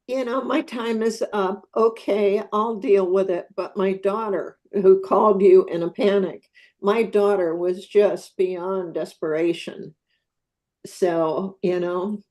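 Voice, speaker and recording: Older woman, 70s, group member; slow, heartfelt, warm low timbre. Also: steady tone, poor audio.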